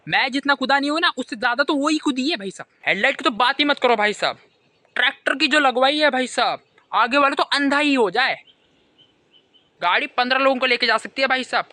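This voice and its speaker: A young man, rattling through a comic story in a lively, swooping voice. His tone is bright and sharp, and it sits close and dry on the mic. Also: very high-pitched, dry recording. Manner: animated storytelling, keeps repeating "bhai sahab". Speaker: comedy vlogger. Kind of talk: stand-up style comic monologue.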